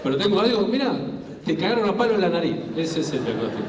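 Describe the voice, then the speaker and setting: A man with an Argentine Spanish accent doing stand-up crowd work on a comedy club stage, loose and animated, swearing and acting out scenes. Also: high-pitched, fast talker, background noise. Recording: echoey hall, taped from far off.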